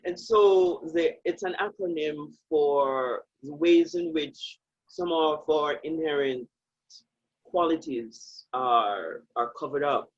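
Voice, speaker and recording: Speaking slowly in a deep voice, a woman gives a reflective interview as a guest. She talks earnestly and with emphasis, often laughing, and the recording is muffled and lo-fi.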